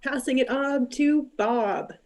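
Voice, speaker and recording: A woman historian introducing herself on a video call, measured and polite, with a frog in her throat. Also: high-pitched, darkish tone. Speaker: city historian.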